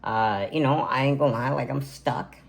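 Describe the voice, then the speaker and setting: Here a man in his twenties, a content creator, chats to camera for his birthday vlog from the gaming room in his home. His mid-range voice is creaky and runs at normal speed, and his talk wanders with many fillers.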